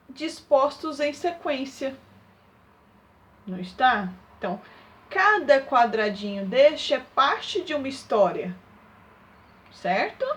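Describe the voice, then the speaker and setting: A woman teaching young children a remote lesson, sing-song and coaxing, with many check-in questions to her pupils. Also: high-pitched. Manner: sing-song, coaxing questions, exaggerated loud demonstration of sounds. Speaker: primary school teacher.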